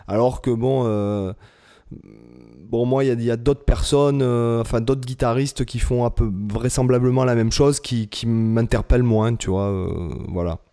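A man's voice: medium pitch, steady tone, moderate pace, dark tone, clear, resonant tone. A man co-hosting a casual podcast chat, rambling with lots of fillers and restarts. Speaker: podcast co-host, guitar teacher.

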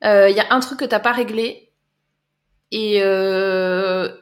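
A woman's voice: mid-range voice, fairly even intonation, slow pace. A woman coach talking casually on a live stream, answering viewers' chat comments in a loose, chatty way with many repeats and fillers. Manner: chatty, loose, repeats words and fills with euh. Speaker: life coach.

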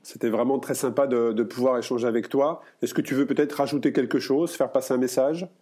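A man hosting a podcast interview, talking in a relaxed way with many hesitations. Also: mid-range voice, brisk, husky. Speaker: podcast host.

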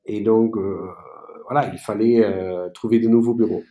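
In an echoey room, an East German entrepreneur who speaks German natively gives halting interview answers riddled with fillers and restarts. His voice is on the low side, warm and steady in tone.

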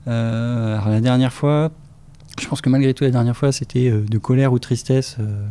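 A man who is a father answering interview questions hesitantly, with many pauses and fillers. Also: medium pitch, steady tone, dark tone, smooth.

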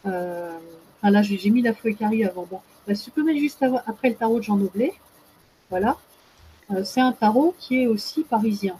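A woman with a mellow, relaxed voice explains at length as a guest expert. She hesitates a lot, filling gaps and restarting her sentences. A faint noise sits under the recording. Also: medium pitch, brisk, rough recording. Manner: hesitant, many fillers and restarts. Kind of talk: casual explanatory talk.

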